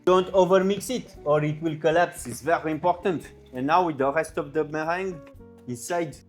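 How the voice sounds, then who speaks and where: A man playing an excitable French chef with a French accent, giving a casual, exclamatory step-by-step cooking tutorial. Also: fairly high pitch, normal speed, soft background music, close to an everyday voice. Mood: instructive, encouraging. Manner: exclamatory, sprinkles in French interjections and kitchen sound words. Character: excitable French chef, a man, teaching soufflé with fussy delight. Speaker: cooking show presenter.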